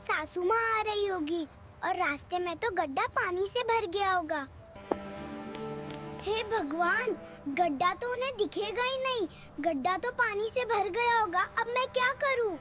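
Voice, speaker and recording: A woman voicing a sharp-tongued, scheming young wife in a cartoon family drama, talking in a brash, quarrelsome way. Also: very high-pitched, animated, measured pace, music in the background. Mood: panicked.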